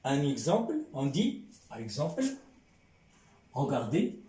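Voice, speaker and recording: Slow, patient man teaching letters. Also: mid-range voice, very animated, mellow, distant mic. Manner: patient, repeats words, checks with "hein?" and "d'accord?". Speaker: Arabic literacy teacher. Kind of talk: slow classroom lesson. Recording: echoey room, voice off-mic.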